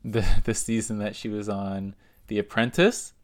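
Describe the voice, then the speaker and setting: A man co-hosting a podcast, recapping reality TV fights in a laid-back, drawn-out way. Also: on the low side, level tone. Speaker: podcast co-host. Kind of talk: casual chat.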